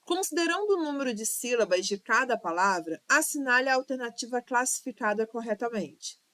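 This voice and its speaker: With a high, somewhat bright voice, a Brazilian woman moves briskly and animatedly through an online Portuguese exam-prep lesson. Patient with each question, she counts syllables aloud and drawls words to sound them out. There's no echo.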